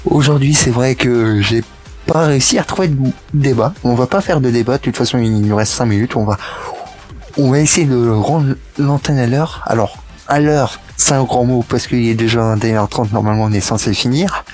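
A young man hosting a casual radio show, talking in a halting, hesitant way and laughing often. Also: medium pitch, a little mellow, faint music behind.

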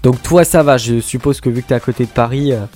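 A man's voice: medium pitch, fast talker, darkish tone, soft background music. A man hosting a radio show in casual on-air chat, talking in a hesitant way with many fillers and restarts. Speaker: radio host. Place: radio studio.

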